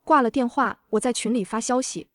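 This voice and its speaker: Woman voicing a young heroine, cold and calm, slightly high, vengeful first-person narrator. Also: fairly quick, no echo, studio quality, natural voice. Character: cool-headed reborn young woman, vengeful. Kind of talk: dramatic audio narration.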